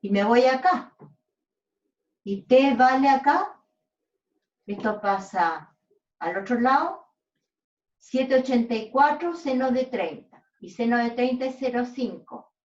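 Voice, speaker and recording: A woman teacher slowly solving a physics problem aloud, checking and correcting her own steps. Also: a little high, lively intonation, darkish tone, recorded from a distance. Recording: dull roomy sound from off-mic.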